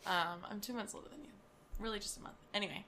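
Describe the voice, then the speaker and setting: Bright-voiced young woman chatting. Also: medium pitch, fast, slight background noise. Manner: chatty, trips over words and laughs at herself. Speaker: podcast co-host. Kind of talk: casual chat.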